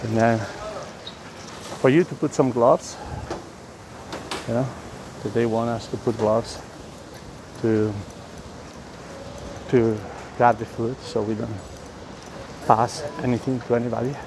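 Gravelly Spanish-born man vlogging. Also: medium pitch, slow, long pauses. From Spain. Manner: chatty, excitable, lots of fillers. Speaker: vlogger touring the food halls. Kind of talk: casual walking vlog. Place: indoor cafeteria and dining hall. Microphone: phone camera at arm's length. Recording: noisy phone recording.

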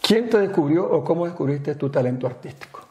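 Middle-aged male interview host, slightly high voice, mellow timbre, chatty, lapel mic. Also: lively intonation, fairly quick. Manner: warm, chatty questions with a little English mixed in. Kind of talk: friendly interview in a studio. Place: small indoor studio, seated.

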